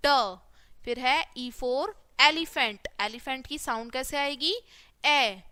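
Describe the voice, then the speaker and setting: A high-pitched woman teaches the alphabet to small children. She speaks slowly and draws out each sound, asking a question and then answering it. Her voice is bright and clear. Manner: slow, drawn-out teaching with repeated questions and answers. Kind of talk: phonics lesson for young children.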